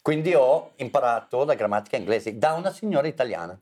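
A man's voice: medium pitch, fast talker. Man teaching in Italian. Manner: animated, hesitant, switching between Italian and English. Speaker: English teacher and author. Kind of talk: conversational interview.

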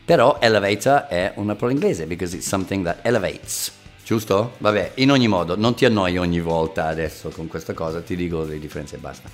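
A man's voice: low voice, a little fast. A man hosting a casual podcast lesson, playful and jokey, slipping between languages. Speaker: podcast host, English teacher. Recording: faint guitar music behind.

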